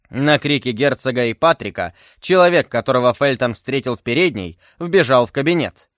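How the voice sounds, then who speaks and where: A man narrating a classic novel as an audiobook, in a measured, even storytelling manner. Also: medium pitch, no echo, studio quality.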